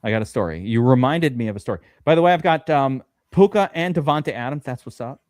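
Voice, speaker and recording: An American man with a medium-pitched, slightly dark voice talks quickly and with lively intonation as he hosts a live fantasy football draft stream. He rambles through a long story packed with swearing and filler words, casual live-stream chat. The recording is dry and studio quality.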